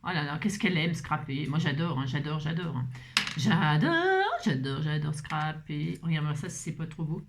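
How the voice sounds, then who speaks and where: A woman's voice: low-pitched, fairly even intonation, brisk, few pauses, slight background noise. A woman hosting a craft tutorial, chatting playfully to herself and her viewers and breaking into song.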